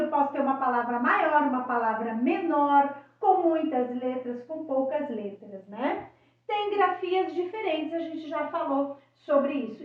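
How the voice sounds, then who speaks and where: Woman educator, high voice, patient lesson delivery with sounded-out syllables, distant and dull sound in a strongly echoing room. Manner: slow, stretched-out syllables when modeling words for children; frequent tag questions and checking in with the viewer. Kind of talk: teaching video lesson. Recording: echoey, dull audio from a distance.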